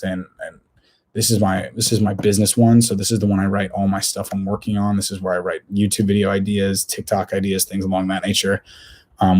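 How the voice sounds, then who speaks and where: A young man in his twenties hosts a solo podcast. His voice sits fairly low and warm, with a flat, even delivery. He rambles candidly and keeps second-guessing himself. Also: a little hiss or hum. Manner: candid, rambling, self-questioning. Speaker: podcast host. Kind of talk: casual solo podcast monologue.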